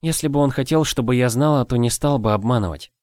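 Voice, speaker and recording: A man's voice: mid-range voice, fast, darkish tone, clear, resonant tone, no room sound, clean studio sound, pitched above the performer's own voice, natural voice. A man voicing a timid, self-doubting young girl in an audiobook. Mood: hurt.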